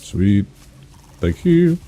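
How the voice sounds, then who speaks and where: A man's voice: fairly low pitch, very animated, extremely slow, warm tone, husky. A man chatting casually with a co-host while streaming a game, joking and laughing often. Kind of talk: casual gaming stream chat.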